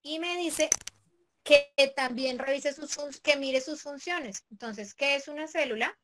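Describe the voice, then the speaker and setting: A woman's voice: high-pitched, measured pace, fairly bright tone, slight background noise. A woman teacher leading a class step by step, patient and checking in with the students often. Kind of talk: remote class walkthrough.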